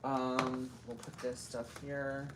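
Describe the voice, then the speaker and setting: Chatting casually on a home livestream, this host in her thirties greets commenters by name while applying makeup. She has a bass voice with a level tone and a slow pace, and the background is noisy.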